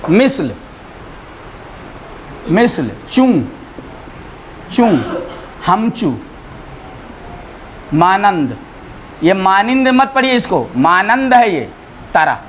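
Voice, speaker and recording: A man teaching a class in a lecture style, repeating words slowly for students to write down. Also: high voice, sing-song, slight background noise. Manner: slow, repeats words for dictation. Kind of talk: classroom lecture, dictating notes.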